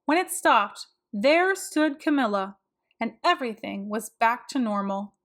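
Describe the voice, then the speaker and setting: In a high voice and at a very slow pace, a woman reads a children's story aloud. She delivers it expressively, aiming it at young listeners.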